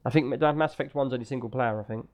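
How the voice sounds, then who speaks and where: A man's voice: mid-range voice, quick pace, a little mellow. A British man talking casually and enthusiastically as the host of a gaming podcast.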